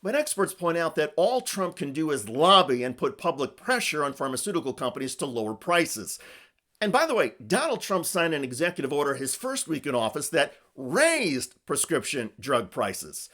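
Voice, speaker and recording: A man's voice: on the high side, very animated, normal speed, pushed and bright. A man hosting a scripted political news commentary with an emphatic, punchy delivery.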